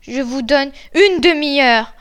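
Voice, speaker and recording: A woman voicing a menacing, cruel nobleman who threatens and shouts at his wife in a read-aloud fairy tale. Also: sits high, slow pace. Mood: cold.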